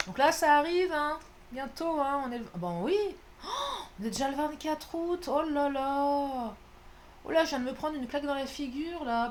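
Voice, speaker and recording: A tarot card reader with a high-sitting voice does a casual, playful reading, chatty and self-mocking with plenty of fillers. Slight background noise can be heard.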